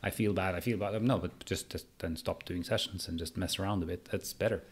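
A man's voice: low-pitched, fairly even intonation, a little fast, slightly rough. A man co-hosting a podcast as a handstand coach, thinking aloud with frequent restarts and fillers. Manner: hesitant, restarts often while thinking aloud. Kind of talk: casual podcast conversation.

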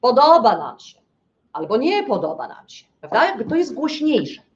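A woman's voice: on the high side, sing-song, moderate pace. A woman giving a live astrology lecture, who keeps checking in with her listeners and asks rhetorical questions, then answers them herself. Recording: dull lo-fi lecture recording.

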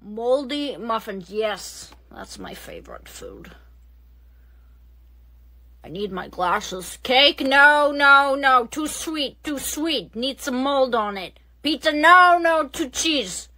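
A woman's voice: sits high, expressive, sharp tone, heavily acted. A woman voicing a cranky, stubborn elderly woman in a nursing home, whining and drawling in a comedy skit. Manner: cranky, whiny, slow drawl.

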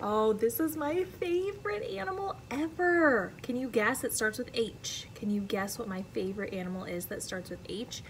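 Her voice is a little high here, at a moderate pace with hardly any pauses. The recording is rough, with a little hiss or hum. She is an American woman of about thirty-something, reading a picture book to children in a classroom indoors, teacher-style, expressive and careful, with friendly remarks aimed at the young audience.

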